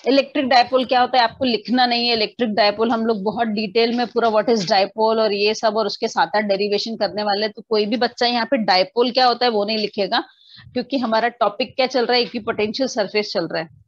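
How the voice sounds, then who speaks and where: Woman, physics teacher, patient step-by-step online lecture, higher voice, dull close-miked sound. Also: steady tone, quick pace, no room sound. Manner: explains step by step, often asking students if they understood; mixes English definitions into the explanation.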